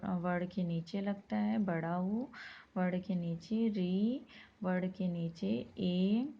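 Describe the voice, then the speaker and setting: A woman teaching a Hindi grammar lesson to young pupils, repeating each definition and sounding out example words. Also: mid-range voice. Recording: dull lo-fi sound.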